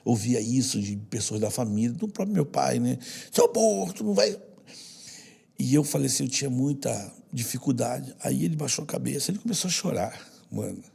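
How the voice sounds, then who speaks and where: A man from Brazil, a podcast guest, telling personal stories in an earnest, heartfelt way and sometimes dropping to a soft hush. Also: medium pitch, expressive, fairly quick, few pauses. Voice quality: gravelly and very husky. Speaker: podcast guest, social project leader. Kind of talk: personal storytelling in conversation.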